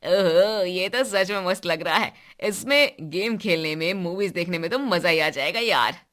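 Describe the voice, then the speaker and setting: Mocking show-off teen boy in a cartoon, voiced by a woman, loud. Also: lowish voice, moderate pace, close to an everyday voice. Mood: excited. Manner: loud, teasing.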